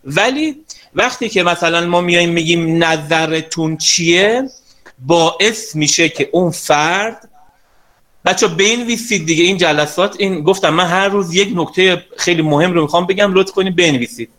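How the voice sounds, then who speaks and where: A man with a slightly high voice runs an online class as a sales trainer. He speaks straight to his students in a chatty, coaxing way and teases them now and then. He is heard over a video call. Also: fairly bright tone.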